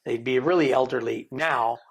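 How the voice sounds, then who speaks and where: An interview guest in his sixties from the Isle of Man tells his life story, rambling along with joking, self-deprecating asides. He has a Birmingham accent softened by decades in America. His voice is mid-range and husky, at a normal speed.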